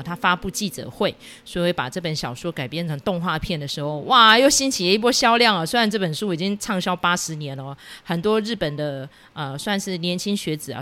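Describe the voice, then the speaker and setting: A woman with a somewhat low voice hosts a casual film recap. She talks in a chatty way, full of little particles, and her pitch leaps up when she acts out what characters say. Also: sharp tone. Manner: chatty, many sentence-final particles; acts out quoted lines with jumps in pitch. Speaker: film review host.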